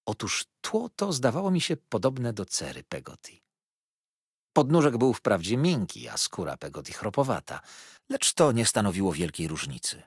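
Male audiobook narrator: husky, lively intonation, measured pace, dry close sound. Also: on the low side, no room sound. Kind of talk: scripted narration.

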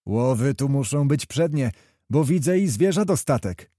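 A man voicing a boisterous, hot-tempered young nobleman who shouts and swears. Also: mid-range voice, lively intonation, normal speed, no echo, studio quality, lightly acted. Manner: loud exclamations, swearing oaths.

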